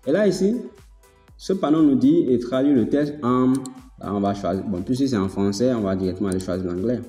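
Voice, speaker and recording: A man's voice: medium pitch, mellow. Man explaining casually in an echoey room. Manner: repeats himself, checks in with "d'accord?"; chatty, filler-heavy explaining. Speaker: tutorial host. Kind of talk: casual software walkthrough. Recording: echoey room, long reverb, faint music.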